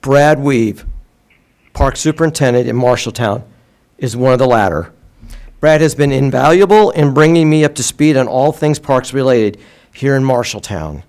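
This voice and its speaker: A man's voice: mid-range voice, expressive, normal speed, darkish tone, clear, resonant tone. Man reading a prepared award tribute. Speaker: city official presenting an award.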